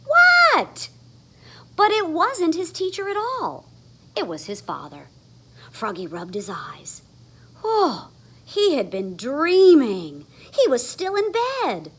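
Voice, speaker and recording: Reading a children's story with lots of expression, this woman uses a high voice with huge pitch swings and takes her time. She lands hard on the sound words for dramatic effect.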